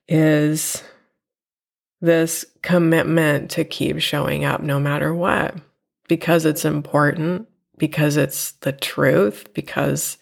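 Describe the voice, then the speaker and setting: Nasal, slow-talking woman with a cold. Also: sits low, gravelly. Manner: reflective, unhurried, with fillers and soft laughs. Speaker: podcast host and teacher. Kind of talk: personal podcast monologue. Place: at home. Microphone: home podcast mic.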